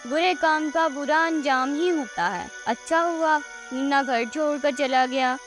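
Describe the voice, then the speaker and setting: A woman narrates a cartoon moral story in a scripted storybook style. Her voice is high and her pace is slow and even. Faint music plays underneath.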